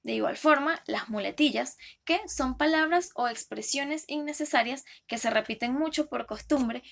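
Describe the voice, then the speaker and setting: A young woman, a first-semester university student, reading a class presentation in a careful, steady way. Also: on the high side, vocal fry. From Venezuela. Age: young adult.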